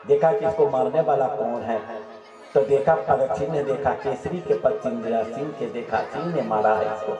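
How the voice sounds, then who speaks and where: A man preaching a devotional story sermon, emphatic, calling out chants for the crowd to answer. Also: medium pitch. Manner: emphatic, leads the crowd in call-and-response chants. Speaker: katha preacher. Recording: echoey, distant, dull live sound with music and crowd.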